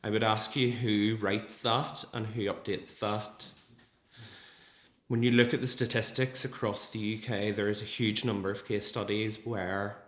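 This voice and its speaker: Man, early thirties, low voice, earnest testimony speech, echoey hall. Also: little pitch movement, a bit bright. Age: 30s. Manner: earnest, measured, with frequent ums. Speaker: nurse speaking at a support group event. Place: large gallery hall. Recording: echoey hall with faint ambience.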